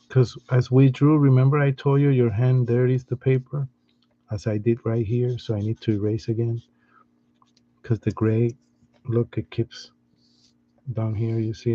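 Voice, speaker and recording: A man giving a step-by-step drawing lesson in a patient, soft-spoken way, often restarting his sentences. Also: mid-range voice, fairly even intonation, unhurried, pauses often, dry recording, lo-fi sound. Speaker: art teacher.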